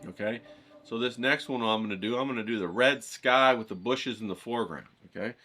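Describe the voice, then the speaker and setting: A man's voice: medium pitch, a little fast, sharp tone. A man teaching a watercolor painting tutorial in an upbeat, coaxing way, checking in with his viewers.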